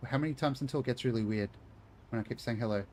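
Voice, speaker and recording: A man's voice: mid-range voice, quick pace, a little mellow, slight background noise. A man chatting casually to his viewers while playing a video game, joking and talking to chat. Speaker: streamer. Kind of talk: casual gaming stream chat.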